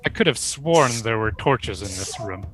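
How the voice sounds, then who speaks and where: A man's voice: lowish voice, expressive, normal speed. A man player in a tabletop game, chatting casually and joking, with frequent chuckles.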